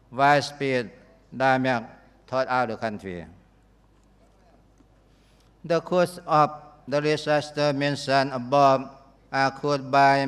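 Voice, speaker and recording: A man with a Lao accent giving a formal podium speech, phrasing carefully and haltingly, as a government delegate. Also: medium pitch, clear, resonant tone. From Laos. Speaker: government official, conference delegate. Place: large conference hall. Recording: reverberant large hall.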